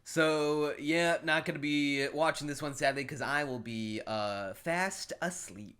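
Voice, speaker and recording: A man's voice: fairly high pitch, measured pace, a bit bright, clean tone. A man casually giving football predictions and betting picks, rambling with lots of fillers, swearing and chuckles. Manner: rambling, profane, frequent fillers and laughs. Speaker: sports betting predictions host. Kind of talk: casual solo commentary.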